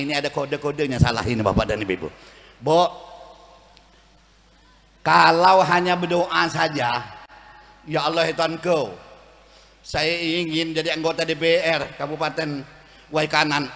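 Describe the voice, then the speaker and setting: A middle-aged man, preaching a humorous religious sermon with shouts for emphasis and acted-out quotes. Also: on the high side, in a large hall.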